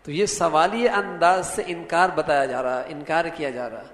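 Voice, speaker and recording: Male religious lecturer, slightly high voice, demonstrative delivery, roomy reverberant recording. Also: a bit bright. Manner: acts out tones of voice to illustrate meaning. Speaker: religious scholar. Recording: echoey hall with long reverb.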